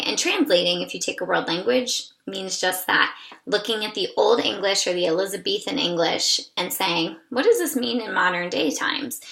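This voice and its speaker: A woman's voice: lowish voice, gravelly, pushed and bright, echoey room, poor audio. A woman teacher giving a recorded lesson to her class in a chatty, informal way with many fillers.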